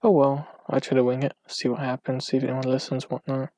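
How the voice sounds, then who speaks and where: A man's voice: mid-range voice, little pitch movement, fairly quick, warm tone. A man hosting his first solo podcast from home at night, rambling and hesitant, often out of breath, on a cheap microphone. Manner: meandering, hesitant, full of restarts and fillers. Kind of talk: rambling casual monologue.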